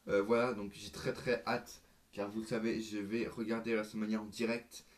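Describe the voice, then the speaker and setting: Hoarse eager man vlogging. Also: on the low side, little pitch movement, normal speed. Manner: eager, hesitant, many fillers. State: hoarse, voice nearly gone. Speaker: wrestling fan vlogger. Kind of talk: casual predictions vlog.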